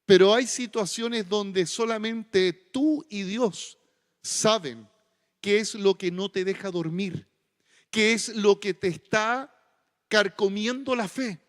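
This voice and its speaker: Chilean male pastor, high voice, church reverb, folksy then earnest sermon. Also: slow. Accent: Chilean Spanish. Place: church sanctuary. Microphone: stage microphone with monitor.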